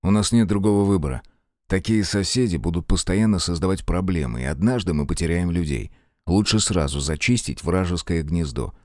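A man's voice: low-pitched, animated, a little fast, darkish tone, dry recording, clean studio sound. A man voicing a tough squad commander who taunts and interrogates a prisoner bluntly. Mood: grim. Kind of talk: audiobook character voice.

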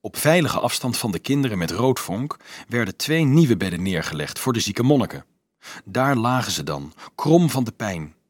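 A man reading a novel aloud in an expressive, storytelling way. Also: lowish voice, moderate pace, slightly rough, no room sound, studio quality. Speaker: audiobook narrator. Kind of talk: scripted narration.

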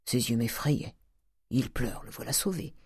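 A man reading the part of a miserly, scheming old man who mutters gruffly. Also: a little high, animated, takes it slowly, warm tone, dry recording, studio quality, full character voice. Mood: muttering.

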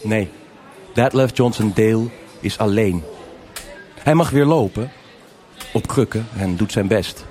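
Narrating a radio crime serial as its investigating officer, this man performs live over background music in a noir style. His natural voice sits fairly low and is a little mellow, and he keeps a measured pace, pausing often as he tells the story.

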